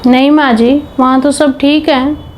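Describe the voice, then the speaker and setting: A woman's voice: high-pitched, steady tone, unhurried. A woman playing an eager young bride. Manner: earnest, eager, chatty. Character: young newly married daughter-in-law, devoted sister. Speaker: daughter-in-law in a family drama. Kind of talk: scripted home video family drama. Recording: background music under dialogue.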